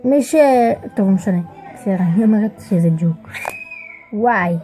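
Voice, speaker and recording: A girl in her early teens chatting casually to the camera in a home video, often searching for words and getting excited. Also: medium pitch, soft background music. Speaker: vlogger. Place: home bedroom.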